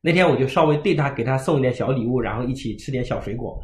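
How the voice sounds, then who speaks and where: A man giving a livestreamed parenting talk as an educator, telling stories with animated swings between loud emphasis and soft, quiet narration. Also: medium pitch, fast talker, reverberant.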